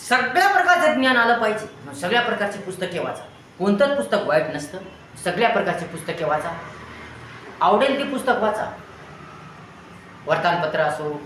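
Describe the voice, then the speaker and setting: A man's voice: high-pitched, bright, forceful tone, a little hiss or hum. Earnest male teacher in an echoey room. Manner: earnest, repetitive exhorting in long lists. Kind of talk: motivational talk to students. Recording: very echoey room with faint ambience.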